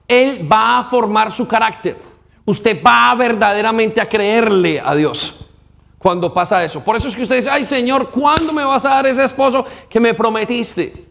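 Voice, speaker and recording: High-pitched, gravelly man preaching. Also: a bit bright. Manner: emphatic preaching with call-and-response. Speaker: pastor. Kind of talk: sermon. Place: church.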